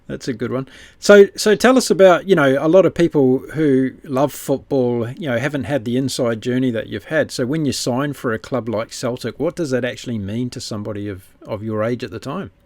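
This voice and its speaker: A man's voice: medium pitch, a little fast, darkish tone, no room sound. A man hosting a conversational interview, putting questions to a guest. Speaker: interview host.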